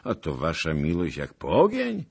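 A man's voice: low-pitched, huge pitch swings, normal speed, gravelly, husky, pitched above the performer's own voice, full character voice. A man voicing a deferential gatekeeper servant.

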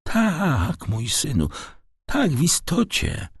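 A man voicing a frail, tender old father who talks slowly, his voice rising into high, shaky tones. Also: wildly swooping pitch, slightly rough, no echo, clean studio sound, full character voice. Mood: weak, gentle. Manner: quavering and slow, breaking into high tones.

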